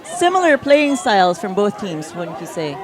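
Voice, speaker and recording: Commentator, chatty, stats and asides, mid pitch, faint crowd. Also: sing-song, normal speed, background noise. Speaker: sports commentator. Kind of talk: live sports commentary.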